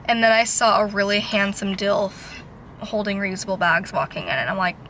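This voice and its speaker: A woman's voice: medium pitch, steady tone, moderate pace, bright, forceful tone. A woman vlogging her road trip in casual chat, filling her talk with "like" and openly emotional, recorded around a camper and outdoors. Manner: chatty, fillers of "like". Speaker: travel vlogger. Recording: outdoor background noise.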